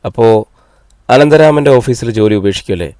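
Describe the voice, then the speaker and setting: A man's voice: medium pitch, expressive, brisk, darkish tone, no room sound, natural voice. A man reading the lines of a worried male friend who drives the women, in an earnest, concerned tone.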